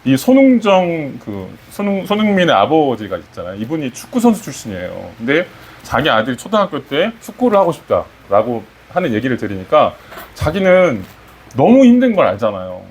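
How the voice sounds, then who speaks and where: A man's voice: medium pitch, huge pitch swings, fairly quick, slightly rough. A man preaching a Sunday sermon as pastor, putting questions to the congregation and rising in emphasis.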